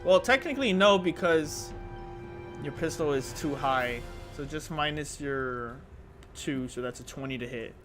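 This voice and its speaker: A man's voice: a little high, unhurried. A man narrating and refereeing a tabletop role-playing game as game master, with playful, dramatic storytelling and casual language. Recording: music playing clearly behind the voice.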